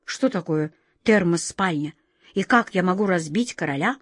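A woman's voice: on the low side, expressive, moderate pace, no echo, clean studio sound. A woman doing a bewildered young girl. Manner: worried, perplexed.

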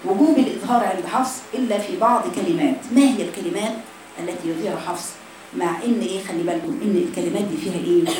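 A woman with an Egyptian accent teaching Quran recitation to a class of students, quizzing them with rhetorical questions and modelling slow recitations. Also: medium pitch, warm tone, slight background noise. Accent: Egyptian Arabic. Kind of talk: classroom lesson. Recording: very echoey room from far off. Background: students present.

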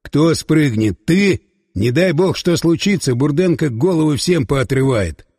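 A man voicing a gruff, commanding male leader who barks curt orders in an audiobook. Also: on the high side, animated, a little slow, a little mellow, no echo, clean studio sound, long reverb tail, heavily acted. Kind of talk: audiobook character voice.

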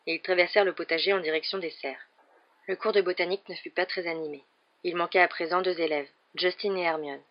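A reader narrating a storybook chapter in an even, steady way. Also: medium pitch. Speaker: audiobook reader. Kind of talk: scripted narration. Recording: dull lo-fi recording.

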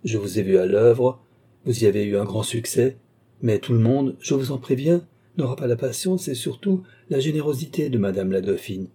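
A man's voice: medium pitch, lively intonation, moderate pace, mellow, slightly rough. A man voicing a haughty, lofty older cardinal in a classic novel reading.

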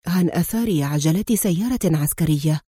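A woman voicing a calm, commanding spy hero. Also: fast, no echo, studio quality, lightly acted. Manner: low, calm and curt.

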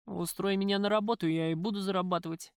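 A woman's voice: medium pitch, steady tone, fast talker, smooth, no echo, studio quality, close to an everyday voice. A woman voicing a sulky, defiant young man arguing with his father in an audiobook. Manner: sullen, defiant, grumbling. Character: sulky young man, a spoiled newlywed son.

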